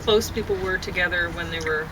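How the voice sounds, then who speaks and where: Speaking a little fast in a lowish voice, a woman who is a poet and vlogger chats casually over traffic. She's outdoors on a deck near downtown, and the recording clearly picks up urban and traffic noise.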